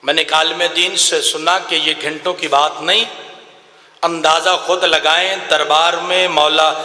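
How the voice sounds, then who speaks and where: Impassioned preacher in echoey hall. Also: male voice, on the high side, fairly even intonation, pushed and bright. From Pakistan. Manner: impassioned, swells into chanted lament. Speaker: Shia preacher. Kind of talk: mourning sermon. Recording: echoey hall with long reverb.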